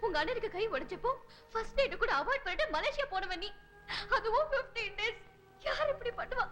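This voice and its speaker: An actress playing a young wife, Priya, who pleads, scolds and sobs in an emotional film scene. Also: female voice, very high voice, lively intonation, a little fast, bright, forceful tone, soft background music, heavily acted. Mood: anxious. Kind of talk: film dialogue.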